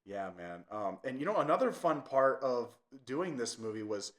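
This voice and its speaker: A man's voice: mid-range voice, sing-song, normal speed. A young man hosting a podcast, chatting casually with lots of fillers. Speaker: podcast host. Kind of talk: casual chat.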